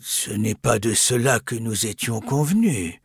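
An actor playing a firm old showman, measured, gravelly, lively pitch, dry close sound. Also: no echo, heavily acted. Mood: businesslike. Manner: measured, coaxing then firm. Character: calm, firm old male street showman. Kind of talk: audiobook character voice.

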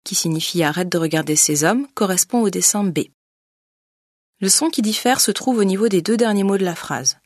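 A woman narrating a scripted pronunciation lesson as a teacher. She speaks in a clear, methodical way and slows down to model each sound. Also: mid-range voice, lively intonation, no echo, studio quality. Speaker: language teacher.

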